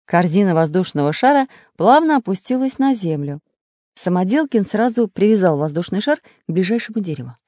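A narrator giving a lively, expressive storybook reading. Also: mid-range voice, fairly quick, dry recording, clean studio sound.

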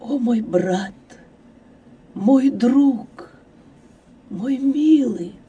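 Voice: mid-range voice, big pitch swings, takes it slowly, creaky, warm tone, husky, distant mic, muffled recording, full character voice. A reader voicing an earnest, brave young woman who pleads tenderly and sometimes whispers her words. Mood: hushed. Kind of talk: audiobook character voice.

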